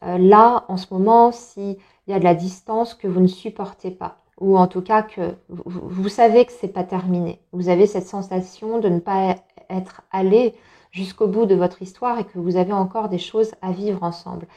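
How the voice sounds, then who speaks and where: A woman's voice: medium pitch, fairly even intonation, normal speed, mellow. A woman giving a casual tarot reading to viewers, chatty and reassuring, with many fillers and restarts. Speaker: tarot reader.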